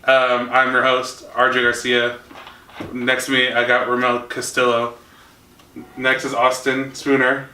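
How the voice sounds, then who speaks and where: A man's voice: medium pitch, monotone, measured pace, bright, forceful tone. A young man hosting a casual podcast chat, laid-back and rambling, chuckling often. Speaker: podcast host. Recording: echoey room from far off, faint noise.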